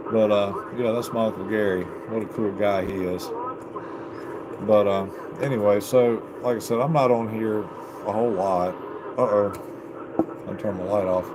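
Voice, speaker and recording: In his basement radio room, a man streams live as a CB radio enthusiast, talking at a normal speed in a rambling, homespun style. His voice is lowish and his intonation fairly even, and the stream is very noisy.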